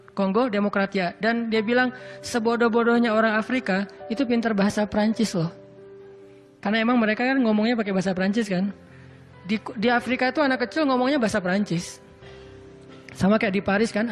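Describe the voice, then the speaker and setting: A man preaching in a relaxed, conversational sermon style, drawing out quoted Arabic verses slowly. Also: very high voice. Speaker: Islamic preacher. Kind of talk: casual sermon. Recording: hall reverb with faint music.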